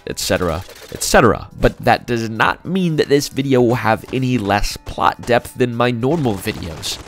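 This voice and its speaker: A young man hosting a gaming video, mixing casual chat with narration. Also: on the low side. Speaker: video creator, host.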